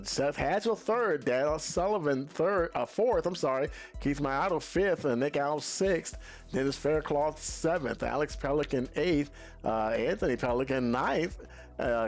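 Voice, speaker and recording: Guy calling sim race results, folksy, lots of uhs, some music behind him. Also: medium pitch. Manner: folksy, many "uh" fillers, drawn-out phrasing. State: out of breath. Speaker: sim racing broadcaster. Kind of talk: post-race interviews and results.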